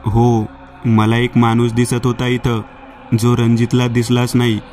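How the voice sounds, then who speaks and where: Frightened young husband, panicky and pleading, read by a male storyteller, monotone delivery. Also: mid-range voice, unhurried, recorded from a distance, soft background music, close to an everyday voice.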